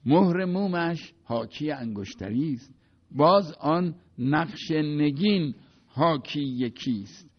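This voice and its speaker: An older man giving a poetry lecture, slowly and more loudly reciting verses, then explaining them in easy everyday talk. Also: on the high side, lively intonation. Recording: dull lo-fi recording.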